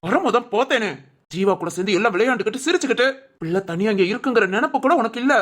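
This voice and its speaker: A voice actor playing an angry young husband in a cartoon, scolding his wife in a sharp, bossy way. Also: mid-range voice, lively intonation, rapid-fire. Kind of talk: cartoon voice acting.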